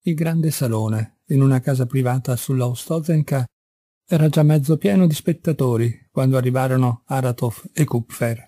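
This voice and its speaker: A man reading a classic novel aloud in measured, even scripted narration. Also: medium pitch, dry recording. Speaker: audiobook reader.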